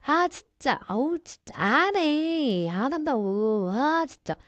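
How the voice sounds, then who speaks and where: A woman with a sore throat from a cold, speaking through a voice changer in halting, flustered, casual game commentary. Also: sits high, very animated, dry recording. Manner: halting, easily flustered, apologetic. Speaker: gaming YouTuber. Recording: dull, lo-fi, dry sound.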